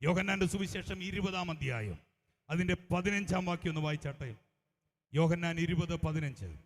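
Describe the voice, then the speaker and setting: A male preacher delivering a fervent Pentecostal-style sermon, often breaking into hallelujahs and rising to shouting. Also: a little high, moderate pace. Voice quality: punctuates phrases with hallelujah and praise exclamations. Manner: rises to fervent shouting, with a brief burst of speaking in tongues. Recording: echoey hall reverb.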